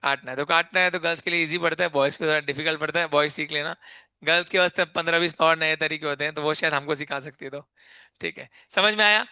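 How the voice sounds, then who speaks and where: A man's voice: fairly high pitch, steady tone, fast talker, bright, forceful tone, clear, resonant tone, no room sound. A male chemistry teacher giving a live class lecture, keeps quizzing students and repeating key terms back as questions.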